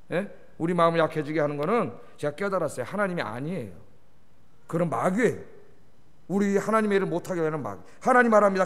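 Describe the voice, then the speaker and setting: A man preaching as a pastor at a midweek service, animated and often prompting the congregation for a response. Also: high voice. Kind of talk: sermon. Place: large church sanctuary. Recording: long reverb of a large church hall.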